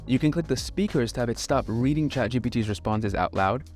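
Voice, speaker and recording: A man of middle pitch hosts a tutorial video, reading a scripted walkthrough. He explains each step clearly and in order. Soft music plays faintly underneath. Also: a little fast. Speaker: video host.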